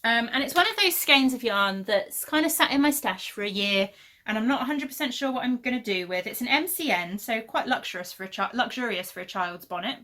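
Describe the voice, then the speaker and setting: A woman in her thirties with a pushed, bright voice on the high side hosts a casual knitting podcast from her home. She rambles chattily and leans on fillers. Her voice is a little worn because she's losing it.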